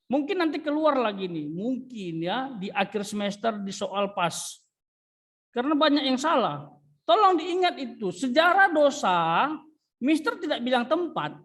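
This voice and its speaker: A high-voiced man lectures his religion class in an exasperated, scolding tone. He keeps dropping English interjections as he corrects his students. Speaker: religion teacher.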